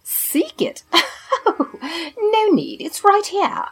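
A woman playing a kindly, muddled, hard-of-hearing old housekeeper in an audio drama, chatty and husky. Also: very high voice, huge pitch swings, very slow, heavily acted. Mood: cheerful, doddery.

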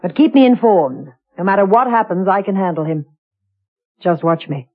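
An actress playing a vain, manipulative company secretary in an old radio drama, self-assured, languid and condescendingly coquettish. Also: female voice, mid-range voice, lively intonation, normal speed, lightly acted. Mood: mocking, confident. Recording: thin, phone-like vintage radio recording.

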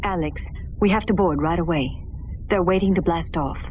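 Woman as low-voiced, firm spacefarer. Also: moderate pace, a little hiss or hum, natural voice. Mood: urgent. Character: concerned, firm female space crew member. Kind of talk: audio drama acting. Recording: dull record, music behind.

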